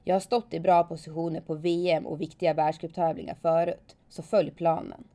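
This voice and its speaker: A woman calmly narrating her own story in the first person, reflective and steady. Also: low-pitched. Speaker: former alpine skier telling her story.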